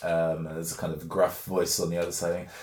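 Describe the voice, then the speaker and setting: A man narrating a tabletop game as game master, relaxed and hesitant with many fillers. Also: deep voice, a little fast, slight background noise. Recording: roomy recording with music behind.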